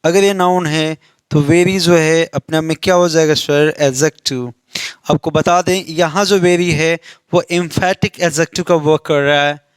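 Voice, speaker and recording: A man with an Indian accent teaching an exam-prep English grammar lesson. He asks questions and answers them himself, and reads the example sentences out slowly. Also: fairly high pitch, fairly even intonation, smooth, no room sound.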